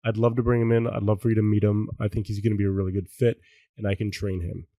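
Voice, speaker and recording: A man co-hosting a podcast in casual chat, relaxed and agreeable, laughing easily. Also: fairly low pitch, quick pace, dry recording. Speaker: podcast co-host.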